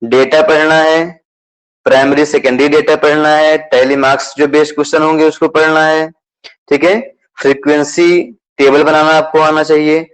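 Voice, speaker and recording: A man's voice: on the high side, smooth, low-quality recording. A man teaching mathematics, going over a syllabus, who repeats key points and keeps asking students whether they understood. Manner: repetitive, checks understanding with questions; mixes English terms into Hindi explanation. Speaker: math teacher.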